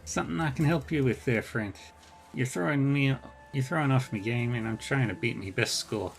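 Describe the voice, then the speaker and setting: A man's voice: medium pitch, normal speed, vocal fry, soft background music, lightly acted. A man voicing a tough, blunt woman ranger from Dublin with a lilting Irish accent and dry, folksy humour. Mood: wry.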